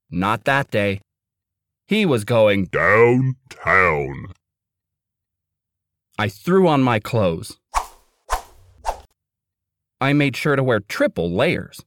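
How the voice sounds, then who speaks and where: A man narrating his own children's story in an expressive read-aloud style. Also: medium pitch, dry recording, studio quality. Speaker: author and narrator.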